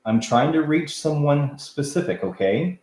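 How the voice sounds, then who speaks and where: A man's voice: on the high side, expressive, a little slow, a little mellow. A man hosting a live spirit box session, talking to a ghost in short, polite, earnest questions and requests. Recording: echoey room sound.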